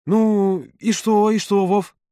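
A man's voice: sits high, fairly even intonation, slow, warm tone, dry recording, clean studio sound, pitched above the performer's own voice. A man reading an audiobook, voicing a chatty, curious woman who eagerly asks questions.

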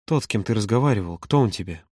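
A man voicing a grieving, resigned mother who speaks softly and sorrowfully. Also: on the low side, expressive, fast talker, dry recording, clean studio sound. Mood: quiet, probing. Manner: soft, sorrowful, quiet. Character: grieving mother, aging woman, resigned and tender.

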